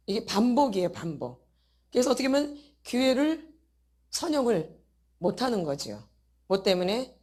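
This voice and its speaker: A woman with a high-pitched voice gives a church teaching talk to a congregation. She keeps checking in with her listeners through rhetorical questions and slips into a casual voice to act out inner thoughts. She repeats key words to drive her points home. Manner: asks the audience many rhetorical questions.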